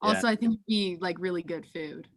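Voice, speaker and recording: A young woman, a lacrosse player, giving chatty and thoughtful answers in a relaxed interview. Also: on the low side, brisk, no echo. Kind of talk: casual interview chat.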